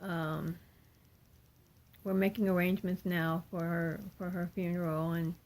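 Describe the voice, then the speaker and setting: An older woman talking without her dentures, with soft toothless articulation, in a rambling, apologetic casual update to viewers as a craft vlogger. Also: lowish voice, flat delivery, unhurried. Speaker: cross-stitch vlogger.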